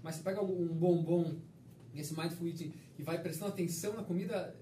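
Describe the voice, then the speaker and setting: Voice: medium pitch, brisk, warm tone, distant mic. A playful host keeps a casual chat moving with jokes and prompts. The voice sounds roomy and set back from the mic, with faint music underneath. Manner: playful, joking, leads the conversation.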